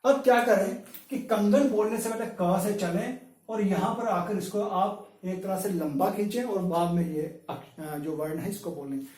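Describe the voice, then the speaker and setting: High-voiced man teaching in an echoey room. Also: a little mellow, distant mic. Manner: slow, drawn-out demonstration of sounds with fillers. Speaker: Hindi lecturer. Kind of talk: classroom-style pronunciation lesson.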